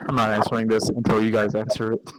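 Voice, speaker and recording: A young man hosting a casual podcast chat, playful and animated, laughing as he asks questions. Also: on the low side, quick pace, low-quality recording. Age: young adult. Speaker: podcast host asking questions.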